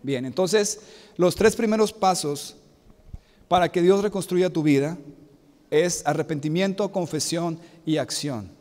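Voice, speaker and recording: Brief: male pastor, earnest preaching style, high voice, church hall reverb. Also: a little slow, darkish tone. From Mexico. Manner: earnest, repeats key phrases, asks the congregation to respond. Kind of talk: sermon. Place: church sanctuary.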